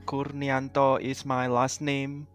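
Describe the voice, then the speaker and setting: A man from Indonesia, an engineer and inventor, talking casually in an interview, often pausing with "uh" and searching for words. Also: mid-range voice, monotone, a bit bright, clean tone, no room sound, faint music behind. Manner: halting, many "uh" pauses, non-native phrasing.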